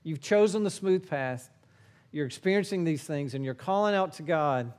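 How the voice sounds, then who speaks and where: A middle-aged man preaching a sermon in an earnest way, swinging between forceful emphasis and hushed, low phrases. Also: expressive, normal speed.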